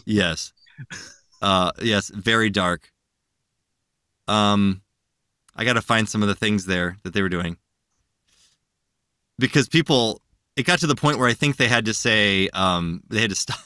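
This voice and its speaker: A man's voice: fairly low pitch, measured pace, pauses often, sharp tone, clear, resonant tone, dry recording, clean studio sound. A man hosting a casual podcast chat, reading social media posts aloud and slipping into silly voices. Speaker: podcast host.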